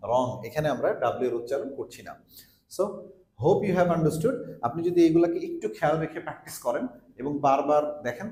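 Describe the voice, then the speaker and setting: Animated man teaching pronunciation. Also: on the high side, echoey room. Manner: explains step by step, repeats example words slowly. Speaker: English teacher. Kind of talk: pronunciation lesson.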